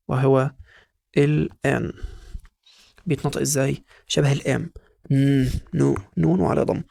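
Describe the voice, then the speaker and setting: A man's voice: mid-range voice, creaky, darkish tone, husky, dry recording, clean studio sound. A man with an Egyptian Arabic accent teaching English letter sounds to beginners, repeating each sound over and over and urging the viewer to say it with him. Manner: drills sounds by repetition, coaxing the viewer. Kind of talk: beginner phonics lesson.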